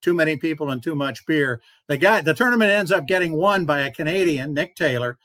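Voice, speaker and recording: A man hosting a sports talk show with a relaxed, easygoing manner, moving the conversation along and introducing segments. His voice sits a bit high for a man. The sound is dry and close. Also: a little fast, no room sound. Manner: relaxed, steers the show to breaks. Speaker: host.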